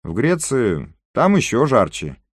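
A man's voice: medium pitch, wildly swooping pitch, a little slow, no echo, clean studio sound, pitched above the performer's own voice. A man voicing a cautious Greek informant in an audiobook, passing on news in an offhand, matter-of-fact way.

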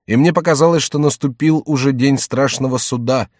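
A man's voice: lowish voice, lively intonation, normal speed, darkish tone, dry recording, clean studio sound. A man voicing a pale, anxious prince who declaims in grave, pious tones, in an audiobook reading. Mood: fervent. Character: pale anxious male prince, trembling then rising.

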